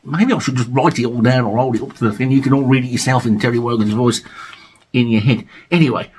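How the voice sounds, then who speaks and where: A man's voice: mid-range voice, fast, darkish tone, a little hiss or hum. A man from England hosting a video about his record collection, chatting casually with jokey asides and reading liner notes aloud. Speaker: vinyl collection video host.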